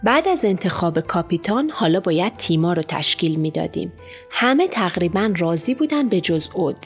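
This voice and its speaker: A woman narrates a children's storybook in the first person as a schoolboy, reading in a lively, expressive way. Her voice sits on the low side, with faint music playing underneath. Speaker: audiobook narrator.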